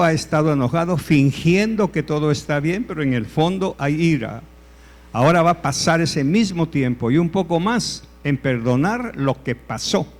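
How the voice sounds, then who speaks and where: A male pastor preaching a sermon, repeating his points emphatically and swinging between loud and hushed delivery. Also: on the high side. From El Salvador.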